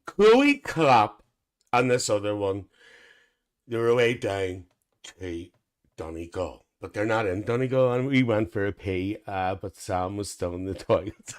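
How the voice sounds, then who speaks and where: With a lowish, expressive voice and an unhurried pace, a man plays a gossipy older aunty hosting a live stream. He chats comically with viewers as he reads their comments, being bawdy, calling them dear, and laughing plenty.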